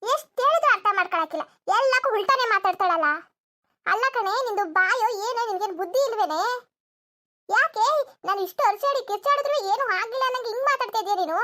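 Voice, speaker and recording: A shrill nagging mother-in-law, as a woman voices her. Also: animated, fast talker, bright, forceful tone, full character voice. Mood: exasperated. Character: scolding bossy middle-aged mother-in-law. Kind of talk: cartoon comedy voice acting.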